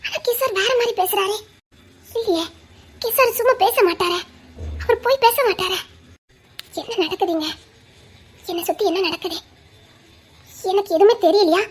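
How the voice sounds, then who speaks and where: A woman playing a young separated wife and student, speaking with a Tirunelveli Tamil accent in a musing, soft-spoken way. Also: extremely high pitch, fast.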